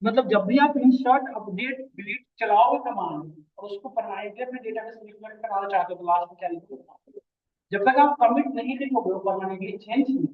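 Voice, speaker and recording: A man's voice: high-pitched, fairly quick. A man teaching a database class, calling students "beta" and checking that they follow. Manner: addresses students as beta, asks checking questions. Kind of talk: classroom lecture. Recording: distant mic, phone-like lo-fi sound.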